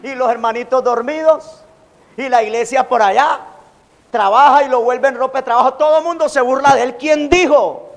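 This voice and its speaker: A man preaching a sermon as pastor, animated, acting out quoted taunts. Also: extremely high pitch, a little fast, vocal fry. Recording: long hall reverb.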